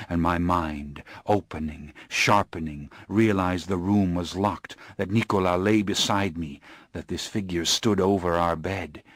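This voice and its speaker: A man narrates an audiobook in a low voice at an unhurried, measured pace. He drops to a hush for the eerie moments and turns urgent when the action picks up. The recording is dry and close. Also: no room sound.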